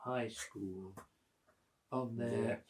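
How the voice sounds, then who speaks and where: A man in his eighties telling lively family stories at home, chuckling and acting out the voices of the people in them. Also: medium pitch, extremely slow, slight background noise. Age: 80s. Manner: lively, chuckling storyteller who acts out quoted voices. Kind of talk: casual storytelling at a family gathering.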